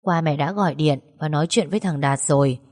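Lady reading a bossy scolding mom in an audiobook, kinda low voice, long echo tail. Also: fairly quick, a little mellow. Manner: scolding, blunt. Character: stern scolding middle-aged mother. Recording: long reverb.

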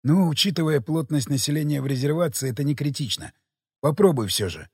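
A man voicing a calm, reasoning leader. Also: fairly high pitch, slightly rough, no echo, studio quality. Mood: measured. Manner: measured, explanatory.

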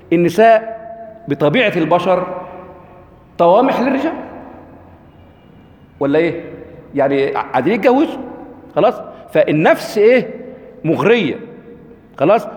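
Lively Egyptian man lecturing in echoey hall. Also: high voice. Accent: Egyptian Arabic. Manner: keeps asking the audience rhetorical questions. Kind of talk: religious lecture on Quranic rhetoric. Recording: echoey hall with long reverb.

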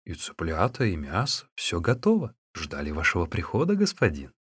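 A man's voice: sits low, huge pitch swings, moderate pace, husky, dry recording, full character voice. A man voicing a servile, bowing male tavern keeper who speaks in an obsequious, pleading way, in a storybook reading. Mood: fawning.

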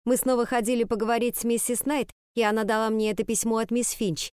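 A woman's voice: fairly high pitch, steady tone, fast, darkish tone, clean tone, no echo, studio quality, close to an everyday voice. Insistent bold schoolgirl, read by a woman. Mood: plain. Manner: breathless and insistent. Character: urgent, bold schoolgirl, impatient.

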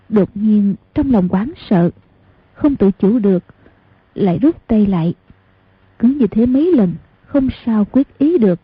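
Husky woman narrating an audiobook, tinny. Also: fairly high pitch, no echo. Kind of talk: storytelling narration. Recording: tinny lo-fi dry recording.

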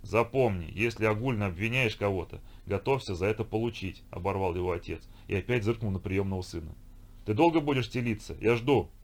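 Audiobook role: merciless middle-aged stepfather, commanding and loud, read by a man. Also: on the low side, a little fast, close to an everyday voice. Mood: cold. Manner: commanding, barking orders. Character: stern harsh middle-aged stepfather, cold and unyielding.

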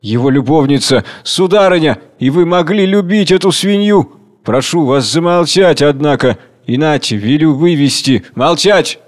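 A man reading aloud plays a hot-tempered bully of a chairman who barks orders, pitched high and loud. He shouts down everyone in the room with open contempt, in a staged drama reading. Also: lively intonation, moderate pace, big-room sound, close to an everyday voice. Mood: bossy.

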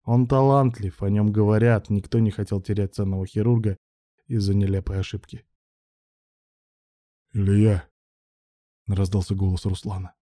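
Male audiobook narrator, low voice, very dark and mellow tone, dry close sound, measured reading. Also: steady tone, no room sound.

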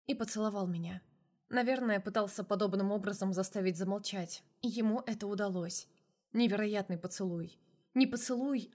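A woman's voice: mid-range voice, darkish tone. Woman, audiobook narrator, first-person romance narration, wry, dry storytelling.

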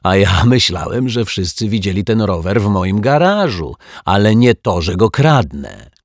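A man voicing a smug, sneering villain in a children's audiobook, with a mocking, drawn-out delivery. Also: on the low side, very animated, dry recording, studio quality, full character voice. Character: sneering pale male lout, smug villain.

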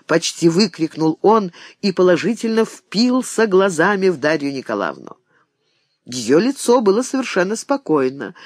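A man narrating an audiobook in an expressive storytelling manner. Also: high voice, no room sound, clean studio sound. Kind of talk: scripted narration.

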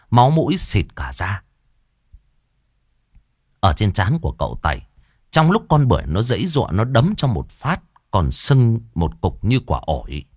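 A man's voice: on the low side, no echo, studio quality. A man telling a comic ghost story vividly. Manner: lively, vivid narration.

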